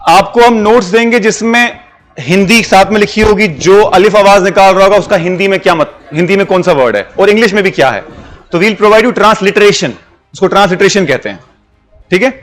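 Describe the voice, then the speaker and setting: High-voiced teacher explaining letter sounds. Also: male voice, fairly quick, a bit bright, soft background music. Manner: explanatory, mixes English into Hindi. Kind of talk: classroom lesson.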